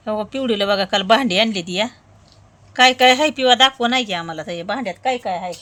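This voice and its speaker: A woman's voice: medium pitch, brisk, pushed and bright. A young woman, coaxing a small child on camera, repeating her prompts again and again. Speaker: mother filming her child. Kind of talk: casual home video chat.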